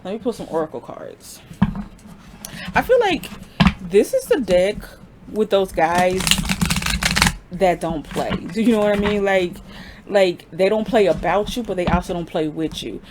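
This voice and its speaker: A woman's voice: medium pitch, lively intonation, unhurried, long pauses, very noisy. A woman giving a casual pick-a-card tarot reading, conversational and informal, laughing often as she talks. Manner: informal slang, frequent fillers. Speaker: tarot reader.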